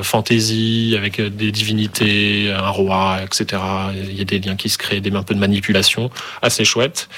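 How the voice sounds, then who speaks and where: A man's voice: on the low side, fairly bright tone. A man who runs a publishing house and bookshop, answering interview questions with many hesitations. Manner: hesitant, many fillers and restarts.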